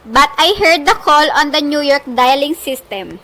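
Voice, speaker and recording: A high-pitched, fretful wife confined to her bed, acted by a woman in an amateur radio drama. She is fearful yet demanding, pressing her point and stumbling over repeated words. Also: lively intonation, normal speed, bright, forceful tone, heavily acted. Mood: uneasy. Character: anxious, demanding bedridden wife, fearful and insistent. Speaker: student actor in a group project. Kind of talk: amateur radio play acting.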